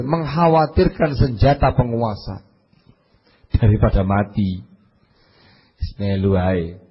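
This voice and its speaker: Male preacher, raised voice, husky; animated storyteller, dull lo-fi recording. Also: fairly high pitch, big-room sound. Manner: animated storytelling with big swings between loud and murmured asides. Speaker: Islamic preacher. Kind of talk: religious lecture.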